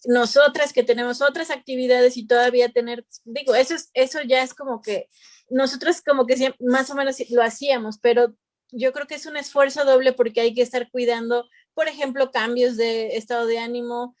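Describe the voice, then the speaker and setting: A woman's voice: fairly high pitch, steady tone, a little fast, no echo. A woman psychologist in a casual panel conversation, talking in a conversational way with many tag questions and restarts.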